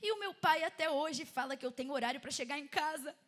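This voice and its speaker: A woman in her twenties with a Brazilian Portuguese accent, giving a chatty, lively sermon testimony at a women's church event and often laughing between points. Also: sits high, fast. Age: 20s. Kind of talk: sermon testimony to a live audience.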